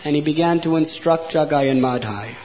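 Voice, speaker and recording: A man telling a devotional story as a sermon, earnest, with loud emphasis that drops to hushed phrase endings. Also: fairly high pitch, a little fast. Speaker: preacher. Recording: dull lo-fi recording with faint noise.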